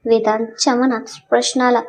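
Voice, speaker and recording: A woman storyteller narrating a romance story in an expressive, dramatic way. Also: a little high, normal speed.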